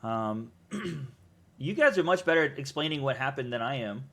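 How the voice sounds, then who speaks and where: A game master opening a tabletop session in casual chat, full of fillers and throat clearing. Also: medium pitch, lively intonation, moderate pace, a bit bright.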